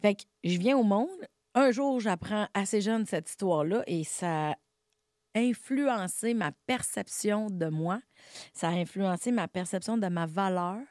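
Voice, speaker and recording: A woman's voice: mid-range voice, unhurried, darkish tone, no echo, clean studio sound. A middle-aged woman from Quebec with a Québécois accent, chatting in an interview as a guest comedian, laughing often and self-deprecating, with lots of fillers. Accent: Québécois French. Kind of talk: casual interview conversation.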